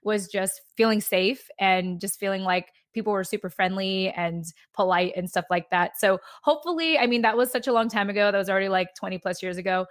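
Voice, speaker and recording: Woman, thirties, podcast host, upbeat, chatty, mid-pitched voice. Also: a little fast, hardly any pauses, no echo, clean studio sound. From United States. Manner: upbeat, chatty, lots of restarts and "like". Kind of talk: casual interview chat.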